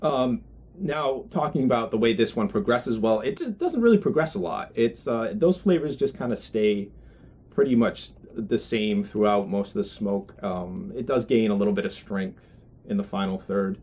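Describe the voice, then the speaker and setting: A man giving a casual product review as a pipe tobacco reviewer, talking in a halting, deliberate, thoughtful way. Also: fairly low pitch, expressive, a little mellow, breathy edge.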